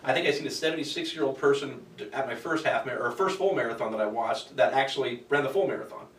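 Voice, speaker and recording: A man's voice: mid-range voice, quick pace, fairly bright tone, distant mic, a little hiss or hum. Chatty man in his forties, echoey room. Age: 40s. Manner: chatty, rambling, full of "you know". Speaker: interviewer, host. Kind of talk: conversational interview.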